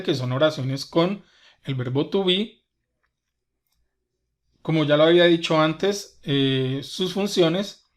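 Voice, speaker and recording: A man whose first language is Spanish teaching an English grammar lesson, patiently repeating each example step by step. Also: a little high. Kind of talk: slow grammar lesson explanation.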